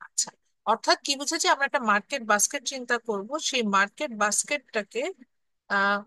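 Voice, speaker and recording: A woman's voice: fairly high pitch, sharp tone, dry recording, rough recording. A woman university lecturer teaching an online class, mixing English terms into her speech and often checking in with students. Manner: mixes English terms into Bengali, slow deliberate English phrases.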